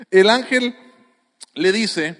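A man preaching a sermon, animated and joking, who often restarts his phrases. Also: high-pitched, extremely slow. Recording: long hall reverb.

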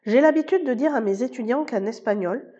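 Woman teacher with a mellow, muffled sound. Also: fairly high pitch, lively intonation, fairly quick. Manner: patient, explanatory, addresses listener informally. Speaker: Spanish teacher. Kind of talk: scripted podcast lesson.

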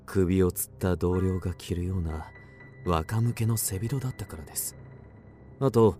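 A man's voice: low-pitched, normal speed, mellow, soft background music, close to an everyday voice. An actor playing an agitated, obsessed man recounting an eerie mystery in dramatic radio drama narration, with theatrical swings. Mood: haunted, suspenseful. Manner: suspenseful, theatrical, with sudden swings.

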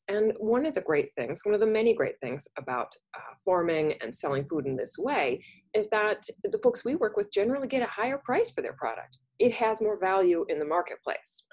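A woman's voice: lowish voice, darkish tone. A woman from Minnesota hosting a podcast interview, chatty and conversational. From Minnesota, USA. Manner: chatty, with frequent fillers and restarts. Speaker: podcast host.

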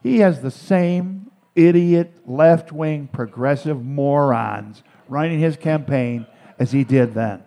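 Gravelly voice, blunt opinionated male host. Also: on the high side, takes it slowly, warm tone. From Chicago, United States. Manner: blunt, opinionated, frequent short agreements. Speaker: talk radio host. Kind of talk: radio talk interview.

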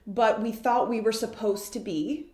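Unhurried and mellow, an American woman with a voice on the high side shares her story as an interview guest. She's earnest and flowing in this reflective conversation, recorded with a roomy echo.

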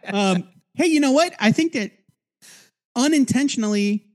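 A man with a high-set voice co-hosts a casual comic book podcast. He talks in a halting way, restarting words and leaning on "uh" and "um" as he works out what to say. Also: lively intonation, darkish tone. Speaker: podcast co-host. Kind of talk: casual chat.

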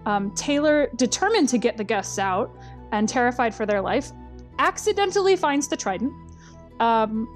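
Chatty woman with a higher voice. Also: lively intonation, normal speed, faint music behind. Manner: chatty and wry, with frequent ums and uhs. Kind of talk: casual storytelling recap.

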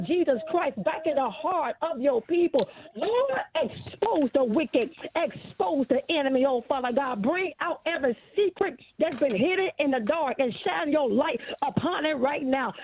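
A woman calls in to pray, pleading fervently and repeating her words. Her voice sits high and comes through a thin, phone-like line. She prays to the end without stopping. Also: a little hiss or hum. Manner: fervent, repetitive pleading prayer. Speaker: caller. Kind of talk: call-in prayer. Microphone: telephone.

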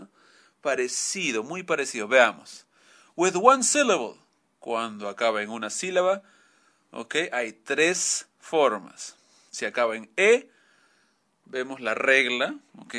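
Slow, bright-voiced male English teacher. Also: medium pitch. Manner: explains slowly, repeats "¿ok?" often. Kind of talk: bilingual grammar lesson.

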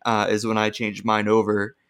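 A man's voice: fairly low pitch, monotone, moderate pace, fairly bright tone, smooth. A young man co-hosting a podcast in a casual, bubbly chat, rambling with lots of fillers. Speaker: podcast co-host.

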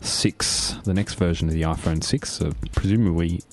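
A man's voice: low voice, steady tone, moderate pace. A man hosting a casual tech radio show in a studio, chatty and hesitant with many fillers. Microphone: studio mic.

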